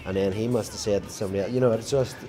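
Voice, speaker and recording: A Northern Irish man talks loosely in an interview, rambling through stories with plenty of "you know"s. His voice sits very low. Loud music plays clearly behind him. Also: steady tone, racing. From Northern Ireland. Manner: chatty storytelling with fillers. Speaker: rock band drummer. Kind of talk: casual interview chat.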